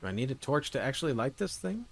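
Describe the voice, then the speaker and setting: A man's voice: mid-range voice, big pitch swings, quick pace, gravelly, faint music behind. A man casually thinking aloud as he plays a survival game, unsure and often muttering to himself. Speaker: gameplay streamer. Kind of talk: casual let's-play commentary.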